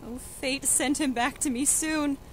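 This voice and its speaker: A woman's voice: high voice, steady tone, unhurried, slight background noise, rough recording. A young woman playing a desperate, defiant young noblewoman who pleads and protests emotionally. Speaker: student actor in a school reading.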